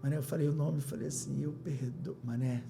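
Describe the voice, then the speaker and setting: A man's voice: mid-range voice, fairly even intonation, fast talker, vocal fry, background noise. A middle-aged man, a business owner and podcast guest, telling a personal story with emotion, repeating phrases and acting out his own past words.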